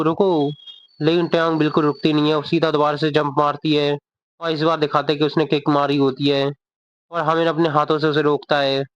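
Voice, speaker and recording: Narrating a casual manga recap, a man walks through the story scene by scene in a slightly high, somewhat bright voice with a clean tone. The dry recording has a dull, lo-fi quality.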